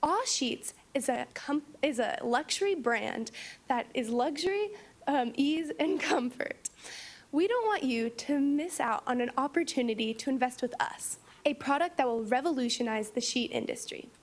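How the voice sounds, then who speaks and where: Young female founder, high voice, confident and rehearsed startup pitch to a panel. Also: lively intonation, moderate pace. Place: meeting room, standing before seated judges.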